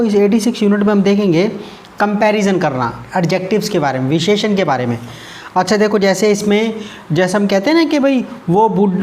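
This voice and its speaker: A man with an Indian English accent gives a grammar lesson in Hindi, speaking patiently, repeating key terms and posing quick questions. His voice sits high with a darkish tone.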